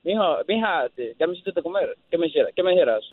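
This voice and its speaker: A man earnestly explains his side on a comedy podcast. His voice sits high for a man. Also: animated, fast talker, narrow, tinny audio.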